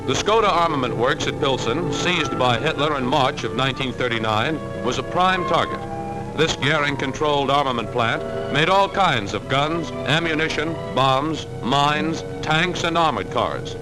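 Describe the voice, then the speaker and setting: A man's voice: on the high side, expressive, normal speed, rough recording. A man narrating an old 1940s newsreel in an emphatic, declamatory announcer's delivery, played from an archive. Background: music.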